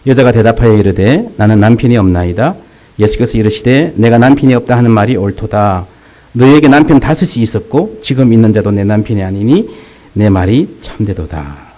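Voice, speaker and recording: A man's voice: on the low side, a little fast, rough recording. A man preaching a sermon as a pastor, talking directly to the congregation, mixing jokes with emphatic points. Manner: lively, rising to emphatic peaks, with jokes and asides to the congregation.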